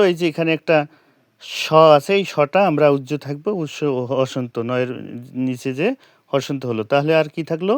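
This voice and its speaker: A man with a slightly higher-than-usual voice teaches a scripture verse, slowly chanting each syllable. He keeps asking the listener rhetorical questions as he works through the verse. The sound is dry and close. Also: no echo. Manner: slow and careful, chanting verse lines syllable by syllable. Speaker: Gita teacher. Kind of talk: explaining scripture pronunciation and meaning.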